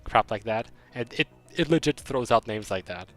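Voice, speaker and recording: On a game stream, a young German man with a light accent reads chat and meanders through a story, often starting over. His medium-pitched voice is fairly bright with lively intonation at normal speed, and faint music sits behind him.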